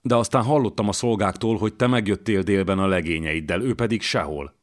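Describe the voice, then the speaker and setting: A man's voice: lowish voice, voice pushed up, lightly acted. A man reading an audiobook voices a distraught young male scholar who speaks in agitated, urgent bursts.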